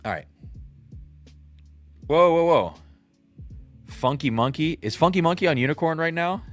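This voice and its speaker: A man's voice: on the high side, expressive, unhurried, soft background music. A man in his thirties hosting a casual livestream tasting, thinking aloud and reacting to chat. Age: 30s. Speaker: host.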